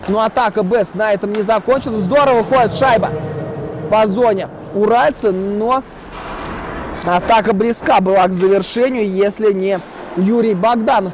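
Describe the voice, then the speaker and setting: Male hockey commentator, high voice, excitable play-by-play delivery, recorded over clear venue noise. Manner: excited, rising exclamations on chances and saves. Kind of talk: live ice hockey commentary.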